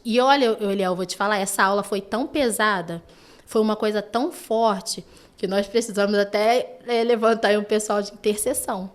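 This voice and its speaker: A woman with a Brazilian Portuguese accent, a children's ministry teacher, chatting on a podcast and telling lively stories with lots of "né" and "sabe". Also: medium pitch, normal speed. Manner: animated storytelling, frequent "né" and "sabe". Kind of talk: casual podcast chat.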